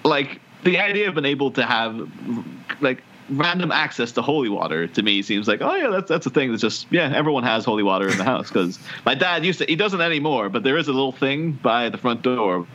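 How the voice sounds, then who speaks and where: A man co-hosting a podcast in casual film-discussion chat, animated and laughing often. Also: mid-range voice, fairly quick. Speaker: podcast co-host. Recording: slightly muffled, faint background hum.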